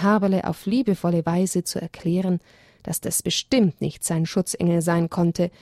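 A woman reads a children's story aloud, gently and expressively. Her voice is gravelly and a little husky. The recording is dry and close. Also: on the low side, no echo.

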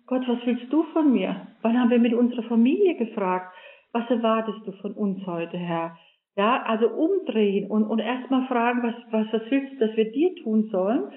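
An older woman speaks as an interview guest, telling stories in an earnest, animated way with frequent fillers. Her voice sits a little high and comes through a thin, phone-like line. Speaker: guest, religious sister and author. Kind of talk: storytelling in a radio interview.

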